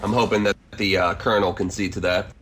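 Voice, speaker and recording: A man playing a military squad commander in an improvised zombie-survival game, giving halting reports and blunt orders. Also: fairly low pitch, little pitch movement, a bit bright, slight background noise, natural voice. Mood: matter-of-fact. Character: male military squad commander in zombie apocalypse role-play. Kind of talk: improvised online game role-play.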